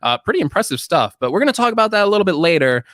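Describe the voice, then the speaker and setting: Bright-voiced jokey podcast host, dry sound. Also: male voice, high voice, racing, no room sound. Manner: animated, jokey, self-mocking. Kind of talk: casual podcast chat.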